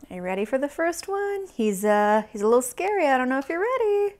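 A woman teaching yoga to young children, playful and silly, with sudden high exclamations. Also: very animated, fairly quick. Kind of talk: guided kids' yoga lesson.

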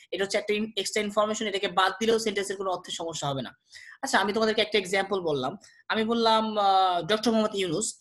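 A young man from Bangladesh teaching an exam-prep grammar lesson, slowing down whenever he reads an example aloud. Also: sits high, fairly bright tone. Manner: brisk, slows down to read examples aloud. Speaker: English tutor.

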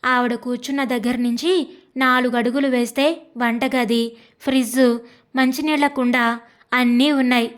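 A woman narrating a domestic story in a steady, expressive reading voice. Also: sits high, normal speed, long pauses.

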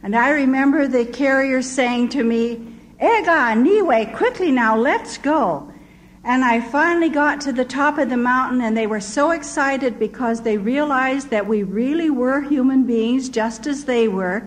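An older woman giving a personal testimony, telling stories and voicing the people she met with lively quotes. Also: high-pitched, normal speed, poor audio. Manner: storytelling, quoting villagers in lively voices. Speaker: missionary speaker.

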